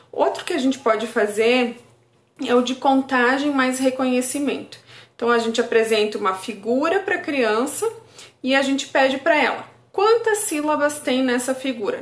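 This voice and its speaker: A woman speech therapist, calmly explaining word games for children and slowly stretching out example words. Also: high voice. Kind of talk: educational talk for parents. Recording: echoey room.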